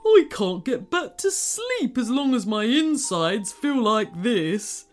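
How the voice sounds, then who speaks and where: A woman's voice: a little high, big pitch swings, slow pace, faint music behind. A woman voicing a huge, grumpy, miserable volcano with a stomachache, in a storybook reading. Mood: grumbling. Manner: grumbling, miserable, sighing.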